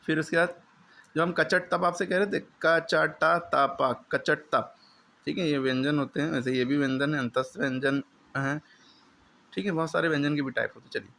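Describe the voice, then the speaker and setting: A man's voice: fairly high pitch, fast, creaky, a bit bright. A man teaching the alphabet in a classroom lesson, explaining patiently step by step and drilling each sound for a pupil to repeat.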